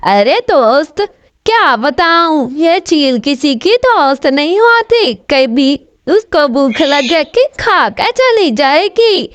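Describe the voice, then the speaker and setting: A woman voicing a suspicious, stubborn female sparrow who keeps warning her friend and quickly sulks. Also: sits high, sing-song, no echo, heavily acted. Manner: sharp warning tone, quick to sulk. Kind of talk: storybook cartoon voice acting.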